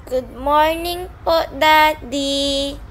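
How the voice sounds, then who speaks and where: A polite little cartoon princess, voiced by a woman with a very high, bright, childlike voice. She speaks slowly and eagerly. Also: full character voice. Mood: sweet. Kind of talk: animated story voice acting.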